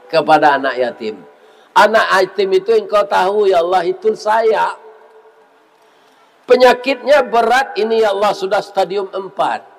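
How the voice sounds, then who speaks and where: Devout kindly doctor acted by a man preaching, Minangkabau accent, soft and heartfelt. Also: on the high side, big-room sound. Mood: tearful prayer. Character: devout male doctor, once an orphan, tender and grateful.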